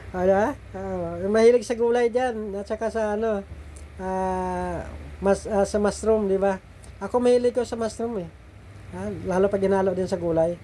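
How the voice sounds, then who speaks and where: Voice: medium pitch, unhurried, dark tone, a little hiss or hum. A middle-aged food vlogger with a slightly nasal voice, chatting casually to viewers while eating and cooking, often turning to them for agreement.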